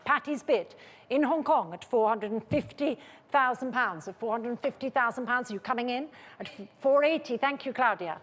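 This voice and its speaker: A woman's voice: on the high side, moderate pace, fairly bright tone. A woman auctioneer calling a live sale, repeating bid figures insistently in a polite, controlled way. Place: large indoor auction room. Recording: reverberant large saleroom.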